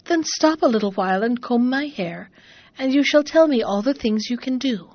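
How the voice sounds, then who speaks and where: A woman reading a very old, wise woman from a fairy tale, kindly and measured. The sound is dull and dry. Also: on the high side, animated, no room sound.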